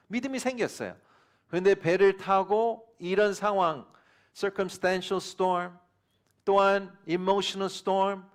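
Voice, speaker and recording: A middle-aged man preaching a sermon as pastor, mixing English phrases into his talk and questioning the congregation, acting out quoted voices. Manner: acts out quoted voices with rising pitch and volume. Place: church sanctuary.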